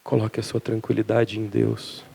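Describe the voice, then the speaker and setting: A man's voice: lowish voice, normal speed, vocal fry, breathy edge. A man preaching a sermon in church, telling jokes and stories to the congregation. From Minas Gerais, Brazil. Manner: lively storytelling with jokes to the congregation. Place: church service.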